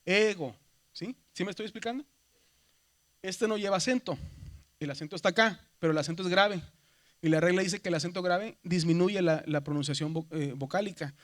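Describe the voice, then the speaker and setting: High-voiced man teaching a class. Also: a little fast. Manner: explains patiently, often checks understanding with "verdad". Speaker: seminary Greek teacher. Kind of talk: classroom lecture.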